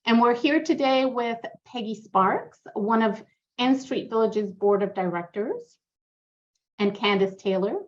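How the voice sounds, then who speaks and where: A woman hosting a podcast interview, upbeat and encouraging, reacting quickly to her guests. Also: medium pitch, lo-fi sound. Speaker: podcast host. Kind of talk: casual interview chat.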